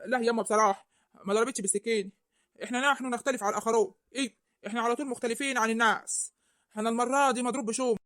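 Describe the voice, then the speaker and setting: A performer playing a battered young rural husband in a comic village sketch, with a rural Egyptian accent, complaining fast. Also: medium pitch, steady tone, a bit bright, no room sound, close to an everyday voice. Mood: sheepish.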